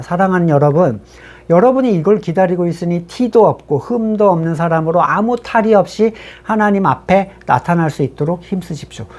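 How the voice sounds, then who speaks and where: A pastor delivers a conversational sermon in a medium-pitched, slightly mellow voice. He reads scripture passages aloud, then explains them to the congregation through rhetorical questions.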